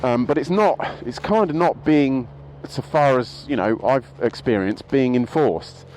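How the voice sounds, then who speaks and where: Male moto-vlogger, middle pitch, casual rambling monologue outdoors, faint street noise. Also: expressive, measured pace, a little mellow, rough recording. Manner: rambling, self-interrupting. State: out of breath. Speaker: motorcycle vlogger. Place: outdoors by a road.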